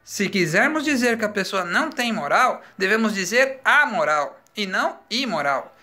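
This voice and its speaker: A man teaches a recorded school lesson in a patient, explanatory way. His voice is bright and forward, and he slows down to spell words out letter by letter. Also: high-pitched.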